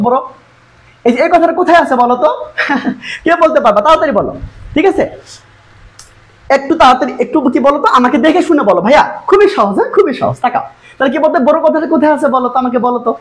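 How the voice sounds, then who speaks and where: Fast-talking, high-voiced woman tutor. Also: animated, rough recording. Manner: fast, coaxing, repeatedly urging students to look. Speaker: English tutor. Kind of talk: online exam-prep lesson.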